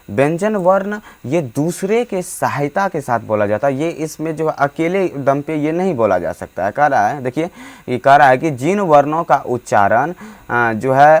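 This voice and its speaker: A man giving a Hindi grammar lesson for board exams, often pausing on fillers and restarts and stretching vowels out to show their length. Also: mid-range voice. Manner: halting, many fillers and restarts; drawn-out demonstration vowels. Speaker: teacher.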